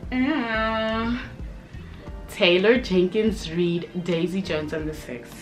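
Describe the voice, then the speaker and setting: In a book review video, a young woman chats casually with a mid-range voice. She's expressive and tends to repeat things for emphasis.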